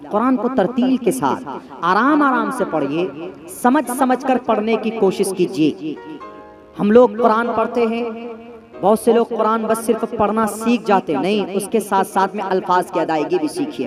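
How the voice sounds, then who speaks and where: A male Islamic preacher giving a sermon on Quran recitation rules, slowly drawing out the words as he demonstrates them. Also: high voice, music in the background.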